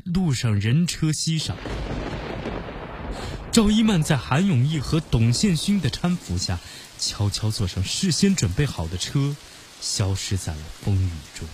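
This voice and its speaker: A man narrating a story for children in an expressive, animated way. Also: lowish voice, slightly rough, dry recording.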